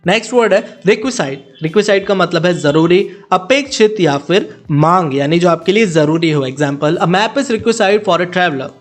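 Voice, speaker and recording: His voice a little high, the instructor works through English vocabulary in Hindi: each word gets spelled out, each example sentence is read slowly, and the explanation follows fast.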